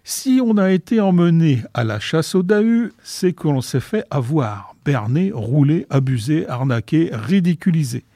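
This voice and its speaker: A man presents a scripted radio piece in a deadpan, mock-scholarly nature documentary manner. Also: fairly high pitch, a little slow, hardly any pauses, no echo. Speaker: radio presenter of a local-culture segment.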